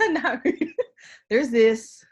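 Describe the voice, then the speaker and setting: A woman's voice: fairly high pitch, takes it slowly, slightly rough. Casual woman chatting on a video call. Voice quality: smoker's cough. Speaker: participant in an online get-together. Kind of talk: casual group video chat. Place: indoors on a computer video call.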